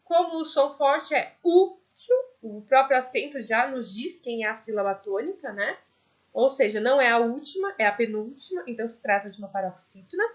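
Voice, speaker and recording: A woman's voice: a little high, animated, fairly quick. A woman teaching a primary school class in a recorded video lesson, with a Brazilian Portuguese accent, patiently explaining each step.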